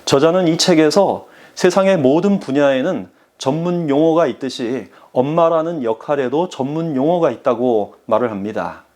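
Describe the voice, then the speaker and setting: A man's voice: on the high side, darkish tone. A man giving a sermon as pastor, earnestly addressing the congregation.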